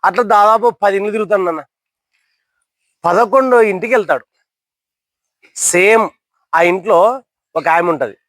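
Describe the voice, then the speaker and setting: A man's voice: high-pitched, moderate pace, pauses often, a bit bright, no echo. A young man telling a motivational story to listeners, asking them questions and acting out characters' lines.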